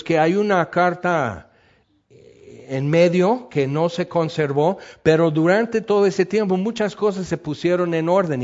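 A man's voice: on the high side, darkish tone, highs cut off. A man preaching a sermon as pastor, talking in a loose conversational way with many fillers.

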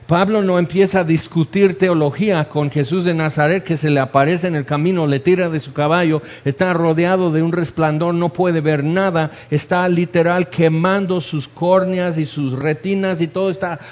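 A man preaching a sermon, telling stories in an animated way and acting out the scenes. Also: fairly high pitch. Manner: animated storytelling, acts out scenes. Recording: dull lo-fi recording.

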